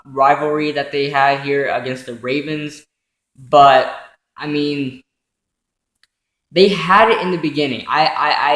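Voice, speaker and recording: A young man at home giving casual football commentary from his notes, halting often with ums and self-corrections. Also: on the high side, fairly bright tone, echoey room, low-quality recording. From New York, raised in Pennsylvania. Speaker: football vlogger recapping playoffs.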